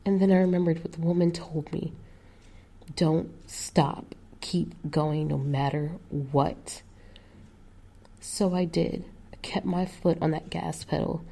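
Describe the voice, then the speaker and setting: A woman tells a first-person horror story in a slow, gravelly voice that often drops into a whisper. Her tone is dark and low. She lets every sentence hang. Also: level tone.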